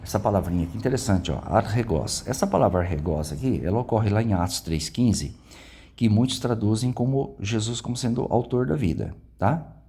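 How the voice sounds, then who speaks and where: Speaking fairly quickly, a Brazilian man with a Brazilian Portuguese accent gives an informal Bible lesson in a warm, slightly rough, expressive voice on the low side. He's conversational and often uses tag questions to check in with listeners.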